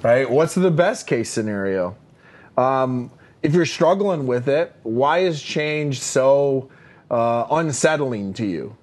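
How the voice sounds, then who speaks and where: A man's voice: medium pitch, slow. Man, leadership podcast co-host, emphatic, filler-heavy, casual chat. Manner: energetic, emphatic, lots of fillers and "right?" tags.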